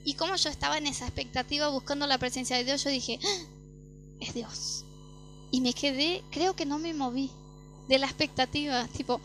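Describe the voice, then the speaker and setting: A woman's voice: sits high, a bit bright. A woman giving a personal testimony sermon, telling her story and acting out the dialogue she quotes. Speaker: preacher.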